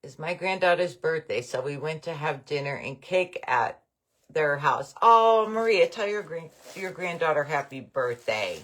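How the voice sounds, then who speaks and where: A woman's voice: deep voice, expressive, moderate pace. An older woman hosting a craft livestream, chatting casually and rambling happily with her viewers. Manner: chatty, rambling, enthusiastic about bargains. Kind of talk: casual live-stream chat with viewers.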